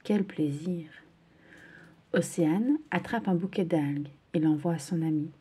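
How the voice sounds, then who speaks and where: A woman reading a children's story aloud in a gentle, expressive way. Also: on the low side, a little slow, slightly rough.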